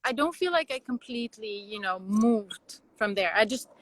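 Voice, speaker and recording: A woman from Lebanon, a guest designer, speaking in casual interview chat, thoughtful and halting with many restarts. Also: a little high, expressive, dry recording, rough recording.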